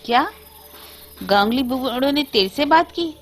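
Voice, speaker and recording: A woman's voice: high voice, animated, a little slow, a bit bright, soft background music. A woman voicing a startled older brother who stammers in shock in a Hindi storybook tale. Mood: aghast. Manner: stammering, aghast.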